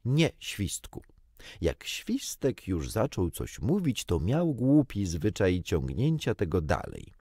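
A man narrating a children's storybook with a low voice. His pitch sweeps widely and playfully through every sentence. The sound is close and dry. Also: takes it slowly, few pauses, husky, dry recording. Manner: expressive, playful. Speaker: audiobook narrator.

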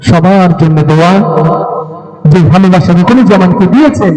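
A man's voice: high voice, a little mellow, low-quality recording. A man at a religious gathering who speaks from the stage through a microphone and sound system, calling out to the crowd to answer him, then singing a devotional song. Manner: rousing, calls out to a crowd. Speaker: gojol singer at a religious gathering. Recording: music clearly behind the voice. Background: music.

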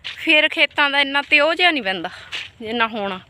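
A woman's voice: sits high, lively intonation, brisk, sharp tone, a little hiss or hum. A woman with a rural Punjabi accent chatting casually in a homely, exclamatory, grumbling village way as she vlogs outdoors. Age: adult, mother of a child. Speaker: vlogger. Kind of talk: casual chat to camera and family during farm chores. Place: outdoors on a farm.

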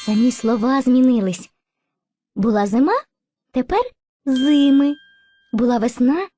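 In an educational cartoon, a woman plays Movka, the gentle female spirit of language, who narrates and teaches with patience and speaks warmly to children. Her voice is high-pitched, with slight background noise in the recording.

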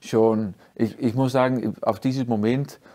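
A man in his forties from Friesland with a Dutch accent, a trombone professor answering interview questions in German with many restarts and fillers, in a dark studio. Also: medium pitch, fairly even intonation, measured pace. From Friesland, Netherlands. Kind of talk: interview conversation. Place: dark studio stage, indoors.

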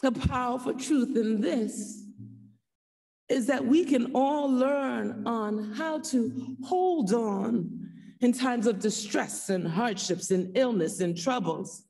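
A woman's voice: a little high, takes it slowly, gravelly, mellow, long reverb tail, recorded from a distance. A woman pastor preaching a sermon with fervent, repeated appeals to her congregation. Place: church sanctuary.

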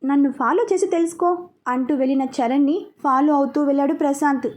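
A woman narrating a heartfelt story with steady, expressive reading. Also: sits high, brisk.

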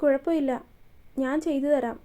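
A shy young woman who stumbles over her words and answers in small, hesitant phrases, as a woman storyteller voices her. The voice is high and warm, soft-edged rather than bright. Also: fairly even intonation, moderate pace, close to an everyday voice. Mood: timid. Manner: hesitant, stammering.

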